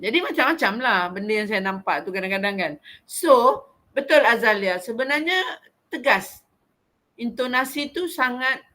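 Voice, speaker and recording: A middle-aged Malaysian woman teaching a vocal recitation class in a frank, talkative way. Her voice sits a little high and has a bright, forceful edge. She talks in a lively, expressive manner. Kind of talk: conversational class talk.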